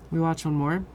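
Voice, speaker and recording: Woman streamer, low voice, drowsy casual chat, faint background hum. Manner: relaxed, drowsy, swears casually, trails off. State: tired. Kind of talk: casual chat with live viewers.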